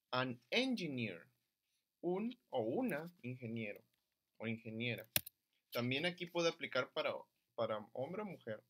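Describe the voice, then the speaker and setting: Bright, lively man teaching children. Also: medium pitch. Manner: slow, drills pronunciation by repeating words; stresses syllables for children to repeat. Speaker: primary school English teacher. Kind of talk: recorded lesson for young children.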